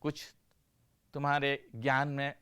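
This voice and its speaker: A man's voice: medium pitch, monotone, a little slow, a bit bright, smooth. A man teaching a Hindi lesson for a broadcast class, explaining patiently, asking questions and answering them himself.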